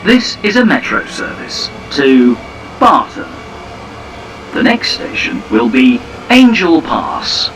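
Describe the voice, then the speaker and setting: A man's voice: a little high, sing-song, slow, a bit bright, distant mic, faint music behind, poor audio. A man giving automated onboard train announcements over a PA system in formal, clipped phrases.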